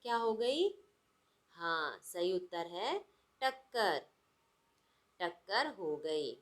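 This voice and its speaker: A woman's voice: fairly low pitch, expressive, extremely slow. A woman teaching a lesson to young children, who asks a question and then answers it and stresses each word as she reads lists aloud. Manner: stretches words out and stresses them while reading word lists. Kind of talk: slow, deliberate classroom lesson for young children.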